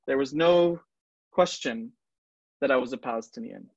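Man, 30s, from Lebanon, halting delivery full of ums, dull dry video-call sound. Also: medium pitch, gravelly, a little mellow, no room sound. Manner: hesitant, many ums and restarts. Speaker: museum docent and guest speaker. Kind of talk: personal talk on a virtual tour. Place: small room at home, indoors. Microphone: video call, earbuds.

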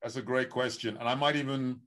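In a home room with wooden beams, a man in his fifties from Ghana runs a video call interview as host, sounding chatty, friendly and upbeat and often repeating himself. His mid-range voice is a bit bright, with fairly even intonation and a fairly quick pace. The sound comes from a video call webcam.

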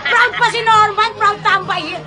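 Brash, very high-voiced woman livestreamer. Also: steady tone, a little slow. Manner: brash, swearing, laughing, teasing. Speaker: online live seller. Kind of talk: livestream rant. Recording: loud music and crowd noise.

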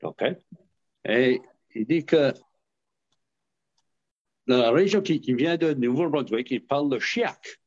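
A man's voice: medium pitch, expressive, slow pace, pauses often, a little mellow. Acadian guy chatting in an interview, keeps restarting words, kinda muffled lo-fi sound. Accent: Acadian French. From southwest Nova Scotia. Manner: hesitant, repeats words, chuckles while telling stories. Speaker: interviewee, association representative. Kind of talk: casual storytelling interview.

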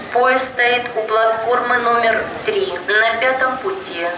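A woman making a formal, measured public-address announcement at a railway station, heard over loudspeakers on an outdoor platform. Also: on the high side. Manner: formal, measured scripted delivery. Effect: loudspeaker public-address system. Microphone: far camera microphone picking up loudspeakers. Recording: echoey distant loudspeaker, loud platform noise. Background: loud trains and station ambience.

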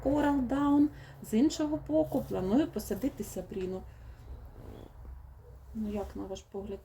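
A rose gardening vlogger, an adult with a young child, unpacks rose seedlings and chats fondly with her viewers in a casual unboxing. Her voice is a little high and warm, at a moderate pace, with slight background noise.

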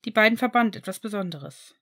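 A woman's voice: mid-range voice, expressive, a little fast, fairly bright tone. Woman reading a story aloud. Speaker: narrator. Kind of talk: audiobook reading of fan fiction.

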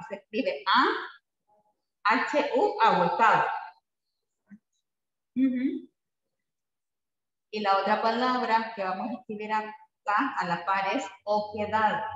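High-voiced teacher in an echoey room. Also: male voice, sharp tone, slight background noise. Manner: patient, checks in with frequent tag questions. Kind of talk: classroom spelling lesson. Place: classroom. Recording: echoey classroom, far from the mic, dull.

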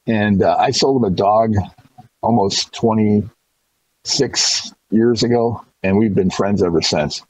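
Husky-voiced middle-aged man telling stories. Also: on the low side, takes it slowly, darkish tone, no room sound, low-quality recording. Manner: acts out quoted people in shifted voices. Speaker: dog breeder being interviewed. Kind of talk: rambling anecdotal storytelling.

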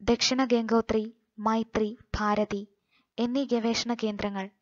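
Slow, measured Malayali woman quizzing. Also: a little high, flat delivery, no echo, lo-fi sound. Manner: slow, measured question-and-answer reading. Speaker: exam coaching presenter. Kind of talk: reading quiz questions and answers.

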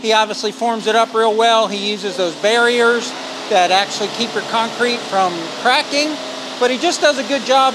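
A man's voice: extremely high pitch, background noise. A middle-aged man, talking casually to a phone held at arm's length outdoors while explaining a concrete pour. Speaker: homestead vlogger. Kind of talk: casual walk-and-talk narration. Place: outdoors on a rural building site.

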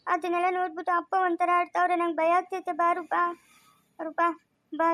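Woman playing a scared village guy, very high voice, pretty flat, dry sound. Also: brisk, background noise. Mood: urgent. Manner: urgent, pleading. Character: worried young village man, anxious.

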